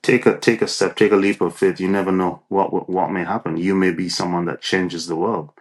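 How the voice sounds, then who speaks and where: A man's voice: deep voice, little pitch movement, a little fast. A man from Nevis, giving encouraging, conversational interview answers and often repeating words as he thinks aloud. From Nevis, Saint Kitts and Nevis. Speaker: interview guest, entrepreneur.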